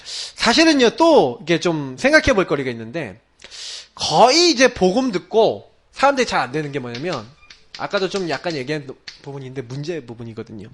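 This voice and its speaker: Man, pastor, sermon, high voice, lively swooping pitch, acts out quotes. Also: fairly quick. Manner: animated storytelling, acting out quoted lines. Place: church sanctuary.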